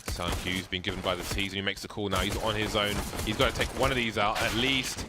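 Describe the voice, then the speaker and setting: A man's voice: on the low side, flat delivery, fast, noisy background. A man doing play-by-play commentary on a competitive shooter match, chatty and prone to light banter. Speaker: play-by-play caster. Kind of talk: esports commentary. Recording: loud game sounds behind.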